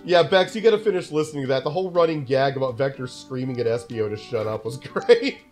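A woman hosting a casual group gaming session, animated and given to mock voices. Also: extremely low pitch, fast talker, soft background music. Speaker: let's play host and reader.

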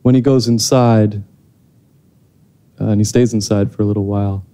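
A thoughtful man in his thirties answers audience questions after a film screening, often restarting his sentences. His voice is very dark and low, with an even, unvaried pitch, heard through a handheld mic on a theater stage. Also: moderate pace. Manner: thoughtful, hesitant, many restarts. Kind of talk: post-screening Q&A.

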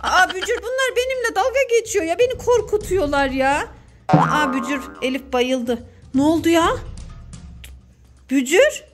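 A woman in her thirties, a mother hosting a playful family vlog, talking in an excitable, mock-frightened, teasing way. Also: very high voice, moderate pace, over loud music.

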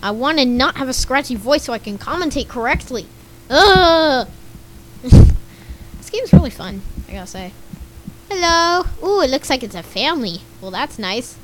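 This gaming YouTuber is a young woman whose high, slightly scratchy voice swings widely in pitch at a normal speed. She chats and giggles casually over gameplay, reading the game chat aloud and reacting to what appears on screen.

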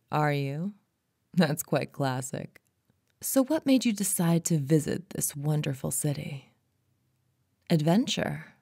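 A woman heavily acts the part of a seductive female hypnotist drawing in a lost traveler in an intimate roleplay, using a low, creaky voice with a dark tone. Friendly and coaxing, she speaks soothingly, frequently close to a whisper, with no echo.

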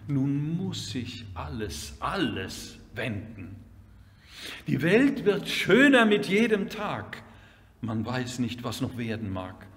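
Older man, gallery host, measured lilting recitation, very slow, reverberant hall. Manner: measured, lilting, with lively pitch. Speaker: gallery owner reading poems. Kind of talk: slow, expressive poetry recitation.

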